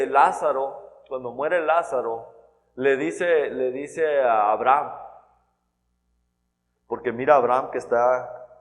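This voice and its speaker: Guy preaching in church, chatty and earnest, keeps restarting words, voice rings out in a big echoey hall. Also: medium pitch. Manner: conversational, earnest, with many restarts and "¿verdad?" checks. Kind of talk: sermon. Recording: long church-hall reverb.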